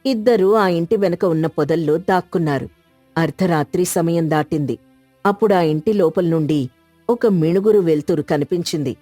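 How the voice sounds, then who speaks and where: A woman giving steady, scripted storybook narration. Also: on the low side, normal speed, no room sound, faint music behind.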